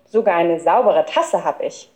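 Eine Frau spielt ein fröhlich zwitscherndes kleines Mädchen. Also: female voice, fairly low pitch, animated, normal speed, natural voice. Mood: chirpy. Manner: bright, chirpy. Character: cheerful chirpy little girl on a bike.

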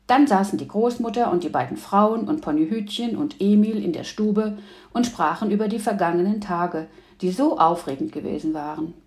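Calm woman narrator reading a children's story aloud; roomy sound. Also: medium pitch, moderate pace. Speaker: audiobook reader. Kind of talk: scripted narration.

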